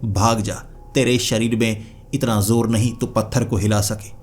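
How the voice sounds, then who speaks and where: A man's voice: lowish voice, fairly even intonation, unhurried, faint music behind, lightly acted. A man voicing a mocking tree witch. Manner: taunting, then pleading and sly. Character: vengeful female tree witch spirit, mocking.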